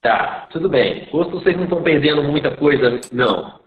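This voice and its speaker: A man hosting a live video chat, explaining slowly, his voice coming through a choppy, breaking-up online call. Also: fairly high pitch, animated. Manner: explaining slowly, checking the connection. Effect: choppy, breaking-up online call audio. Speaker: live-stream host. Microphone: computer mic on a video call. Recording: tinny, echoey online call line.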